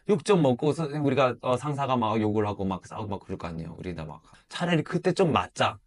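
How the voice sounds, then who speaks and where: Middle-aged male preacher, very animated delivery, quizzes the congregation, big swings in loudness. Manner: swings from low quiet asides to loud high exhortation; asks the listeners questions and calls for amens. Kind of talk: sermon.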